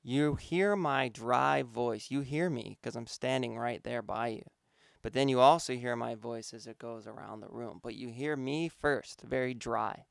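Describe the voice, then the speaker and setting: A man's voice: mid-range voice, normal speed, vocal fry, no room sound, studio quality. A man, a music producer, casually walking through his vocal mixing steps, thinking aloud with some fillers. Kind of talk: casual instructional walkthrough.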